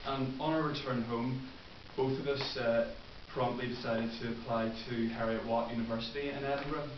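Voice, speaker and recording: In a meeting room, a club member in his twenties delivers his first prepared speech earnestly, his Northern Irish accent clear and ums and uhs frequent. He's from Northern Ireland and talks at normal speed in a mid-range voice with fairly even intonation. The audio is distant and roomy, muffled, with hiss.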